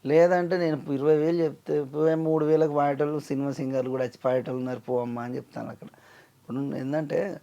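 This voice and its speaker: Fast-talking gravelly man. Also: fairly high pitch, steady tone, mellow, dull audio. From Telangana, India. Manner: earnest, pleading, acts out quoted dialogue. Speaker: singer and lyricist, interview guest. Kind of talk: emotional interview talk.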